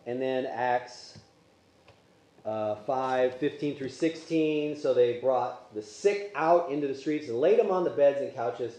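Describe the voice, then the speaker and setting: In an echoey church classroom, a man whose first language is Polish teaches a Sunday school Bible class. His voice is fairly high and warm, and he keeps things conversational by asking the class questions as he goes.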